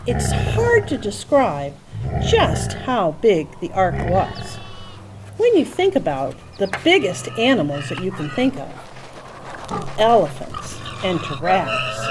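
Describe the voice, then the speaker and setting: A woman tells a Bible story to young children in a medium-pitched voice, using simple phrases, dramatic pauses and emphasis. The background is noisy.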